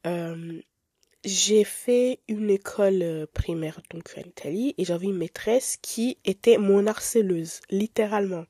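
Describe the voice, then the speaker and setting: A woman's voice: mid-range voice, measured pace, slightly rough, dry recording, clean studio sound. Candid young woman hosting a podcast. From Italy. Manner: candid, expressive, chatty with filler words. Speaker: podcast host. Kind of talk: casual podcast monologue.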